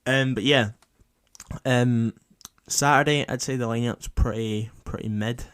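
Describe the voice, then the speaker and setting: A man's voice: mid-range voice, steady tone, unhurried, a bit bright, smooth. A young man hosting a casual podcast, laid-back and dryly humorous as he moves through the segments. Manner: laid-back, dry humour, runs the segments. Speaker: podcast host. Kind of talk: casual chat. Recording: dry home podcast audio.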